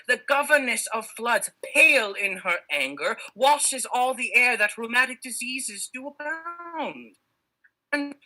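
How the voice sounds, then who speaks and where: A woman's voice: on the high side, sharp tone, full character voice, poor audio. A woman playing a proud, wrathful fairy queen in hammy, theatrical Shakespearean verse on stage.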